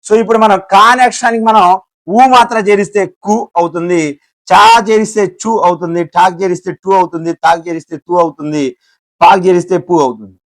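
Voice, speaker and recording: A man's voice: sits high, fairly even intonation, fast talker, dry recording. A man with a Telugu accent teaching a lesson, who repeats each syllable and asks and answers his own questions. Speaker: Hindi teacher. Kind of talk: classroom lesson.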